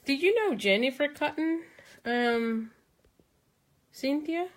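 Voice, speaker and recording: A woman from Mexico, speaking her native language, leads a live craft demo in a high, animated voice, taking her time. Chatty and full of ums, she thinks aloud while working and responds to what viewers comment.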